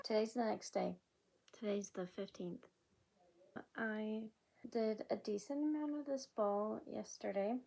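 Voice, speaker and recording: A woman's voice: mid-range voice, unhurried, vocal fry, warm tone. A woman vlogging at home in a casual, rambling way, often using "like" as a filler while she chats about her crafting. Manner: rambling, chatty, many "like" fillers. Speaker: crochet vlogger. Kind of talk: casual vlog chat.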